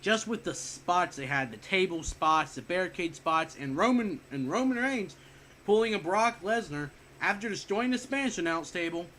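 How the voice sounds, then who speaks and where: A man's voice: high voice, animated, normal speed, sharp tone, slight background noise. A young man giving a rambling, casual spoken wrestling review, a bit sick and short of breath, often correcting himself and swearing offhand.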